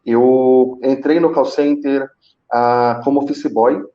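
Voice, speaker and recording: This Brazilian interview guest, a call center senior manager, gives a conversational personal account in Portuguese during a live interview. He stumbles along haltingly, repeating words and pausing, in a medium-pitched, steady voice. The sound is lo-fi.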